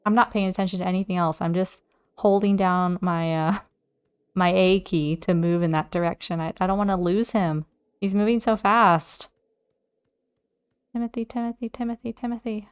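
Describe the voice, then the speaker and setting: A woman's voice: fairly low pitch, moderate pace, smooth. Chatty woman narrating her gameplay. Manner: chatty, talks to herself, easily excited. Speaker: let's play host. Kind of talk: casual gameplay commentary.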